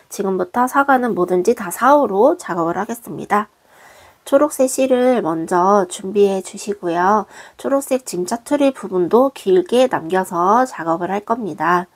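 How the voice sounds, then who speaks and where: A crochet designer with a mid-range voice, hoarse from a cold, patiently guides viewers through a craft tutorial one step at a time. Her manner is gentle and polite.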